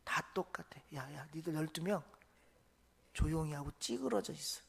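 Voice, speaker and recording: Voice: mid-range voice, lively intonation, normal speed, vocal fry, breathy edge, pitched below the performer's own voice, heavily acted. A preacher voicing a blunt scolding teacher. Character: Jesus scolding his bickering disciples, blunt and colloquial.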